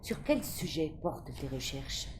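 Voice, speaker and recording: A woman reading aloud and voicing a kind middle-aged librarian who speaks softly and reassuringly, sometimes a little stern. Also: low voice, big pitch swings, measured pace, a little hiss or hum. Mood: gentle. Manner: soft, reassuring, at times gently stern.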